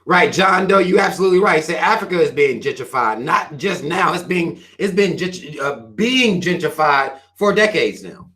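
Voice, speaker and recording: A man's voice: a little high, animated, moderate pace, hardly any pauses, bright, forceful tone. A man with a Southern American accent hosting his own channel, ranting bluntly and profanely in a casual livestream while reading out viewer comments. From US South, Carolinas.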